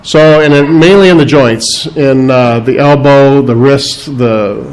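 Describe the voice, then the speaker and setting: A man preaching a sermon in an unscripted, halting way, often restarting his phrases. His pitch sits in the ordinary middle range for a man. He slows down to stress the words he wants remembered. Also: poor audio. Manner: unscripted, halting delivery with many fillers and restarts; explains scripture verse by verse, stressing key words. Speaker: pastor.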